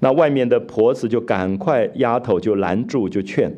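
In a mellow, mid-range voice at a normal pace, a literature lecturer explains a classic novel, retelling its scenes and posing rhetorical questions to his listeners. The recording has a lo-fi quality.

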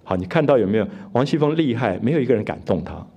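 A man's voice: medium pitch, very animated, fast, mellow, slightly rough. A man giving an explanatory lecture on a classic novel, retelling its scenes and asking his listeners rhetorical questions. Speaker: literature lecturer.

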